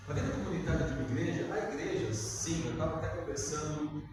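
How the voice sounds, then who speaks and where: A man's voice: on the high side, fast talker, background noise. An older man preaching a sermon in a Brazilian Portuguese accent, talking conversationally and putting questions to the congregation. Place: church hall. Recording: echoey hall, far from the mic.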